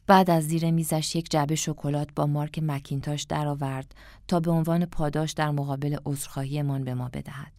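A woman narrating an audiobook in a calm, reflective storytelling manner. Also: low-pitched, no room sound, studio quality.

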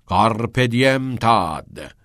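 A man voicing a headstrong teenage schoolboy who bursts out excitedly and insists, in an audiobook reading. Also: lowish voice, no echo, clean studio sound. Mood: eager. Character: eager, headstrong teenage schoolboy dreaming of acting.

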